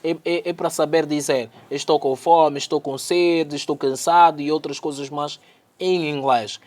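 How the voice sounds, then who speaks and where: A man teaching English online, with a voice pitched a little above the usual for a man. He reads English phrases slowly, repeats them and then translates and explains them patiently. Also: fairly even intonation, a little mellow. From Angola. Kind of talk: online English lesson in Portuguese.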